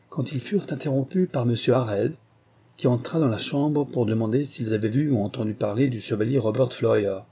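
A man reading a classic novel aloud in measured, even narration. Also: medium pitch, slightly rough. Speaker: audiobook reader.

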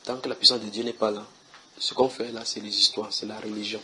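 A man's voice: fairly low pitch, level tone, brisk, pushed and bright, slight background noise. A man preaching at a house church, reading Bible verses and questioning his listeners in a conversational way.

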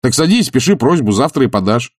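Man playing a brisk, commanding friend. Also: mid-range voice, big pitch swings, slightly rough, no echo, studio quality. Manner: brisk, decisive.

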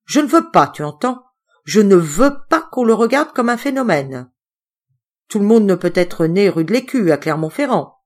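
A woman reading an audiobook, voicing a grumpy, quick-tempered old uncle who scolds loudly. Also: expressive, lightly acted. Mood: indignant. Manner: scolding, gruff and booming.

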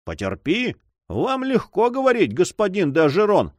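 A man voicing a burly, hot-tempered buccaneer in his forties who talks roughly and impatiently in a storybook reading. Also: sits high, wildly swooping pitch, moderate pace, darkish tone, no room sound, studio quality, voice pushed up. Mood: angry.

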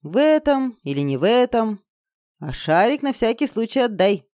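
A man's voice: extremely high pitch, very animated, normal speed, a little mellow, dry recording, pitched above the performer's own voice. A smug male wizard lectures with arrogant satisfaction, voiced by a reader. His lines are audiobook dialogue with a dry, close sound. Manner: lecturing, triumphant.

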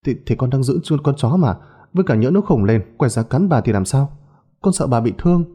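A man's voice: medium pitch, animated, fairly quick, warm tone, slightly rough. A man voicing a timid young maidservant girl who stammers and pleads. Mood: nervous pleading.

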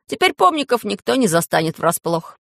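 A woman voicing an eager, excitable young boy who keeps exclaiming and asking questions in a storybook reading. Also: mid-range voice, brisk, vocal fry, dry recording, studio quality, pitched above the performer's own voice.

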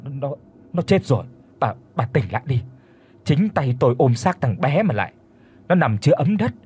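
A shaken middle-aged father stammers through his words, as a male narrator plays him. The voice is husky and moves a lot in pitch, with a Northern Vietnamese accent. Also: sing-song, moderate pace, darkish tone. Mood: frightened.

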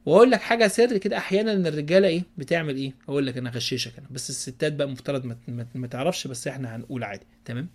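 A man preaching in casual Egyptian Arabic who gives folksy advice and checks in with his listeners, now and then dropping to a hushed voice. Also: medium pitch, racing, hardly any pauses. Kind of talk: casual religious advice talk.

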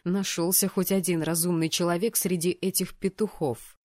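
A woman narrating a first-person fantasy story aloud, acting out the characters' lines with lively changes of voice. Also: moderate pace, no room sound, studio quality. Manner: voices the rowdy students' shouts with bursts of pitch and volume. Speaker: audiobook narrator.

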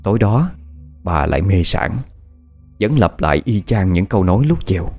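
A man with a Southern Vietnamese accent narrating a horror tale, expressive and dramatic. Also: low-pitched, normal speed, faint music behind.

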